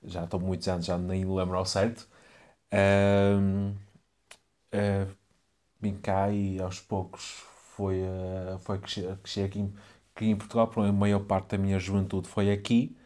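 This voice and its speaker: A man's voice: low voice, monotone, unhurried, darkish tone. A young man from Ukraine with Ukrainian as his first language, speaking hesitantly and reservedly as an interview guest. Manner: hesitant, reserved, many fillers. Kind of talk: casual interview.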